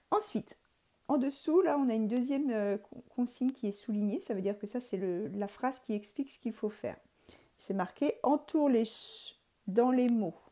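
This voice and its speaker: A woman's voice: mid-range voice, warm tone. A French woman teacher giving a recorded lesson to young pupils, patiently spelling out letters and syllables one by one. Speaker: primary school teacher.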